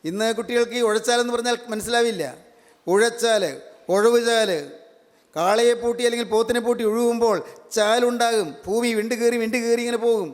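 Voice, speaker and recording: An older man preaching a sermon, emphatic and repetitive, slowing down to stress key words. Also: very high voice, steady tone. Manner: emphatic, repeats each verse phrase, slows on key words. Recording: long hall reverb.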